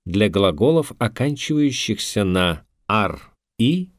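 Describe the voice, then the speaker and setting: A man with a low, deep voice narrates a scripted language lesson in a measured, instructive way. His pitch rises and falls a lot as he explains. The recording is dry and close, with no room sound. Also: big pitch swings, dry recording.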